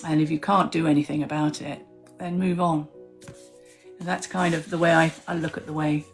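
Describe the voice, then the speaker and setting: A woman talks through a live stream in a low, easy register. She muses and tells her own story, pausing on fillers, with faint music behind her. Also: level tone. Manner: reflective, storytelling, with frequent fillers. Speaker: author hosting a live stream. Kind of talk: casual live-stream talk.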